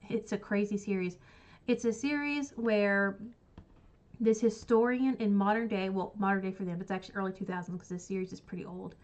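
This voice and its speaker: A book channel host with a sniffly, stuffed-up cold chats loosely about books during a casual livestream, leaning heavily on likes and ums. She has a mid-range voice, and the audio loses its high frequencies.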